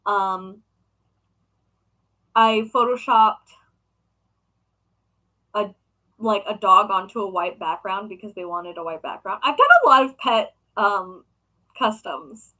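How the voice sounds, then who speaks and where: Bright-voiced chatty young woman. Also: medium pitch, slow pace, pauses often, poor audio. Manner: chatty, rambling with many fillers. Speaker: craft shop owner and vlogger. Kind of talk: casual chat answering viewers.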